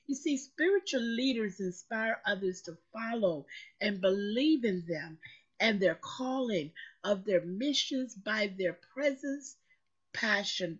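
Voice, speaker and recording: A motivational show host gives a slow motivational talk, preaching emphatically and repeating phrases for effect. Her voice is a little high and hoarse as she recovers it after losing it, and the recording is muffled.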